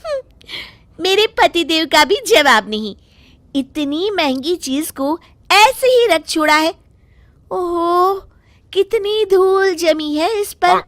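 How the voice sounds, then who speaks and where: A woman's voice: extremely high pitch, lively intonation, slow, fairly bright tone, no room sound, pitched above the performer's own voice, heavily acted. A woman voicing a naive but feisty young wife from a village in a cartoon story. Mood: musing. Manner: indignant, bargaining. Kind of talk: cartoon voice acting.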